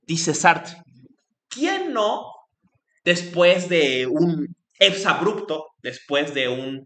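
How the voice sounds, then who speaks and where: A man lectures in a university class, circling his points with constant tag questions and self-corrections. His voice is bright and sits a little high, and he bursts into animated exclamations when acting out an example. The sound bounces around a roomy lecture hall. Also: takes it slowly. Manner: discursive, frequent "¿no?" tags and restarts, animated quoted exclamations. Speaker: philosophy lecturer. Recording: echoey room.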